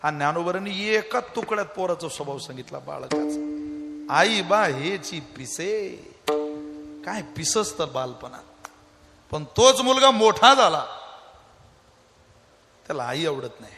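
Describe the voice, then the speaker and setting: High bright dramatic man preaching in hall. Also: sing-song, unhurried, vocal fry, pauses often, faint music behind. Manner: dramatic, acts out voices of mother and crying child. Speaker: kirtan preacher. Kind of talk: devotional kirtan sermon with storytelling. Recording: long hall reverb.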